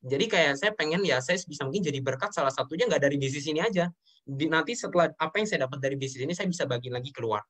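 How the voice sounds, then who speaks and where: A young Indonesian man, guest on an interview, earnestly shares his business story with emotion, often addressing the host respectfully. His voice is on the high side, rapid-fire, fairly bright, with lively intonation.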